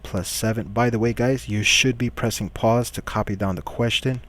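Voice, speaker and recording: A man's voice: lowish voice, steady tone, moderate pace, fairly bright tone. A man teaching a recorded math lesson, patiently walking through each step and asking questions he then answers himself.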